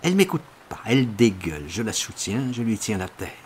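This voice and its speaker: A middle-aged man reading a first-person novel aloud, theatrical and impassioned, dropping to a hush and then rising loud. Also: fairly low pitch, very animated, a little fast, breathy edge. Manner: impassioned, theatrical, swinging between hushed and loud. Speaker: audiobook reader.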